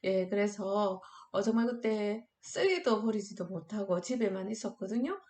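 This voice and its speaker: A middle-aged woman teaching an online anti-smoking class to high school students. She coaxes her students along in an upbeat way and leads them in shouted chants and clapping games. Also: moderate pace, reverberant. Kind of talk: online classroom lecture with group exercises.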